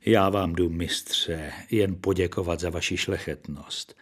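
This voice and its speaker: A man reading aloud, voicing a pudgy, beer-smelling male ex-convict who talks slowly in a mournful, sugary-polite way. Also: rumbling low, husky. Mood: mournful, fawning.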